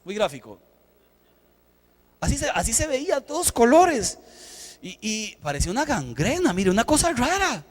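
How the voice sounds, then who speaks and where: A male pastor, preaching a sermon and telling an animated story with acted-out dialogue. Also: very high-pitched, normal speed, pauses often, big-room sound. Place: church sanctuary.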